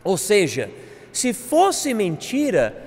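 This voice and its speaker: A man teaching a Bible class, animated, acting out quoted speech. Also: sits high, slow, big-room sound. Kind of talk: classroom lecture.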